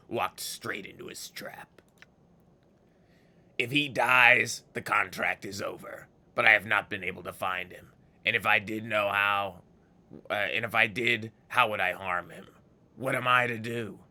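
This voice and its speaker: A man voicing a bitter, scornful old exiled fiend for a game, with a gravelly, ghoulish voice and theatrical, villainous delivery that savors its words. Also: on the low side, sharp tone, heavily acted. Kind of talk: dramatic video game character read-aloud.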